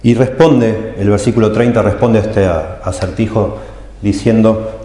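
A man's voice: fairly low pitch, steady tone, unhurried, dark tone. A man preaching a sermon, explaining scripture and voicing its cries with emphasis. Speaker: pastor. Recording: echoey hall with long reverb.

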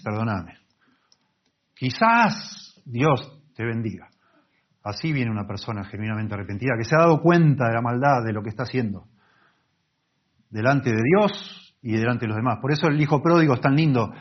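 A male pastor preaching a sermon earnestly, repeating key words, in a husky voice on a slightly muffled recording. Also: mid-range voice.

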